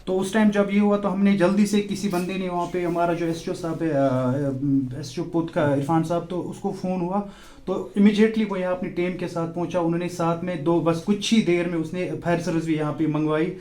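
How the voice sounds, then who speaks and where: A young man, a shop owner giving a halting, urgent account in an outdoor news interview. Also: high voice, steady tone, warm tone. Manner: halting, with many fillers, growing urgent. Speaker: shop owner telling of a fire. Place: outdoors beside a burnt shop.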